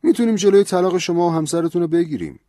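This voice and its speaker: Guy doing a preachy priest, lectures hard, voice pushed up high, dry sound. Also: expressive, mellow, dry recording. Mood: gently insistent. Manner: earnest, raised-pitch lecturing. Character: stern older male priest, pleading, preachy.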